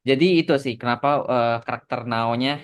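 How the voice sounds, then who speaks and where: An Indonesian animation creator answers questions in a casual podcast conversation, explaining his work and slipping English phrases into his speech. His voice is mid-range and smooth, at a moderate pace.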